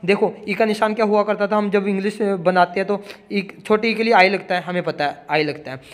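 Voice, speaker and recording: Male teacher with a high voice, walks through pronunciation step by step and repeats every example word out loud. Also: fairly even intonation, fairly quick. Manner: repetitive, drills each sound aloud, stresses words for emphasis. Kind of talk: classroom explanation.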